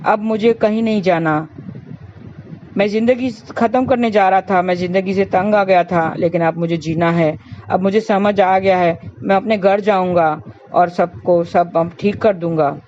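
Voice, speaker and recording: A woman's voice: lowish voice, fairly even intonation, moderate pace, a little mellow, a little hiss or hum, natural voice. A woman voicing an angry, fed-up husband who repeats himself, in a slightly dull recording. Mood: upset. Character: hot-tempered desperate middle-aged husband.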